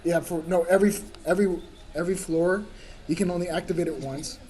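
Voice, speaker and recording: A man's voice: sits high, steady tone, quick pace, dark tone. A man streaming a game, chatting casually with a friend, joking and laughing a lot. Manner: goofy, jokey, laughs often, bursts into silly voices. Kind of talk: casual gaming chat.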